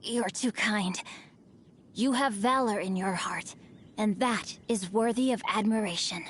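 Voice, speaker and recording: An actor playing a witty, refined young noble heir in a game, formal and wry. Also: male voice, high voice, a little slow, fairly bright tone, slight background noise. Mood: composed.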